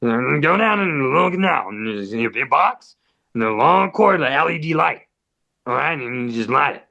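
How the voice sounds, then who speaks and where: Brief: a tinkering older guy with a strange voice, as put on by a storyteller; middle pitch. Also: lively intonation, fairly quick, vocal fry, pushed and bright, muffled recording, exaggerated voice. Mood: friendly, odd. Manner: odd, strange-sounding voice. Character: nerdy older male drone tinkerer, odd voice.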